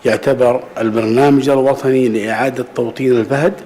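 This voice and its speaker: A man's voice: mid-range voice, steady tone, very fast, warm tone. An older man giving a formal prepared speech at a podium microphone in a conference hall. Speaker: chief executive giving an official address. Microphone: podium gooseneck microphone. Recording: faint room noise.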